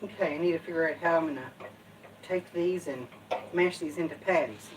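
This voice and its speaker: A woman's voice: low-pitched, brisk, a little hiss or hum. A woman talks herself through cooking in her home kitchen, rambling and repeating herself in a folksy way. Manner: rambling, repetitive folksy self-talk. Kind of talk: casual cooking commentary.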